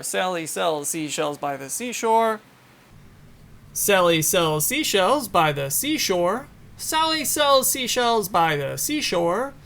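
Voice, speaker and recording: A man giving a casual camera review, reading a test phrase over and over in a measured way, in an ordinary room with a window. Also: sits high, fairly bright tone, a little hiss or hum.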